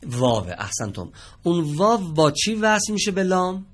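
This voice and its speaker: A man leads a televised Quran reading lesson from a studio with his students. His voice rises and falls a great deal as he explains. He checks their answers patiently and slows right down to spell out each example word. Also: sits high, big pitch swings, a bit bright. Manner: patient, quizzes students, stretches out example words slowly.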